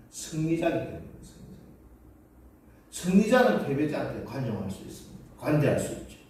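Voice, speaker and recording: A man's voice: mid-range voice, a little mellow, slight background noise. A male pastor delivers a storytelling sermon and slips into the voices of the people in his tale. He is picked up from a distance in a large church sanctuary, and his words ring off the walls in heavy reverb. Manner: storytelling sermon, acting out quoted voices with rising emphasis. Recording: echoey church hall from far off.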